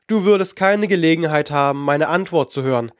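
A man's voice: a little high, a little fast, clean tone, no echo, clean studio sound, close to an everyday voice. A man voicing a mocking old sorcerer. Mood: condescending. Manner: condescending, impatient. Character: scheming, mocking older male sorcerer.

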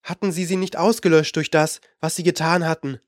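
Measured male fantasy narrator. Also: a little high, flat delivery, no room sound, studio quality. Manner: measured, dramatic, slowing for suspense. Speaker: audiobook narrator.

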